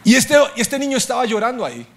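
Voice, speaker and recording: A middle-aged man preaching a sermon as a pastor, telling stories and swinging from loud declarations to hushed asides. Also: very high voice, sing-song, quick pace, vocal fry, slight background noise.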